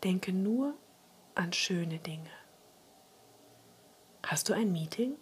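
A woman guiding a relaxation meditation in a soft, soothing spa-like whisper, breathy and husky. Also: on the low side, animated, drawn-out words, slight background noise. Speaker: relaxation exercise guide.

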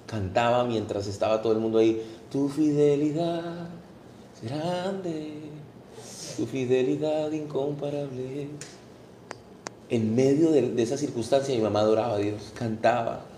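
Impassioned preacher, dark echoey voice. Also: male voice, lowish voice, a little hiss or hum. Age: 30s. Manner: impassioned, repeats words, acts out scenes. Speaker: pastor. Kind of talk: sermon. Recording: echoey room.

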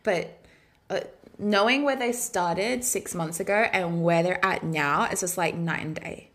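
A woman's voice: lowish voice, a little slow. A woman co-hosting a podcast, chatting casually with effusive, emphatic, slangy phrasing. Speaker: podcast co-host.

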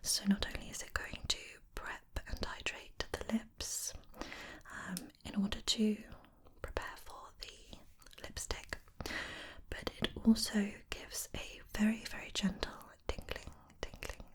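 Slow whispering woman, layered role-play. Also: medium pitch. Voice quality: soft, breathy unvoiced whisper. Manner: gentle, attentive, reassuring personal attention. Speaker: ASMR host playing a make-up artist.

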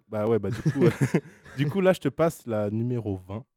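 A man's voice: mid-range voice, animated, moderate pace, mellow, no room sound, studio quality. A man in his twenties hosting a blind test in casual chat, teasing and playful, laughing often. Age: 20s. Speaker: radio host running a blind test.

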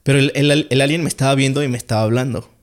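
A man's voice: mid-range voice, steady tone, very fast. A man with a Mexican accent, a podcast guest telling a story in casual chat, rambling and slangy with lots of fillers.

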